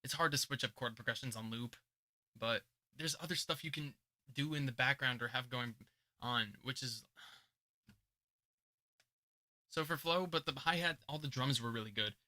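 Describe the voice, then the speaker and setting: A young man hosting his channel and judging beatbox entries in casual reaction commentary, chatty, laughing often, and shifting between mumbled asides and loud remarks. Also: medium pitch, normal speed, long pauses. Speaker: beatbox judge and channel host. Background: beat music playing.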